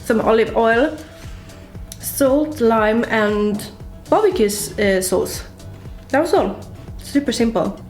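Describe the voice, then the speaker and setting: A woman's voice: a little high, lively intonation, slow, pauses often, a little mellow, faint music behind. A young woman talking casually in her home kitchen, chatty and full of "like", as a vlogger. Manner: chatty, peppered with "like".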